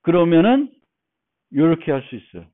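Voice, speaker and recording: A man's voice: fairly high pitch, big pitch swings, normal speed. A male university lecturer giving a recorded programming lecture, explaining step by step with fillers and restarts. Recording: narrow phone-like audio.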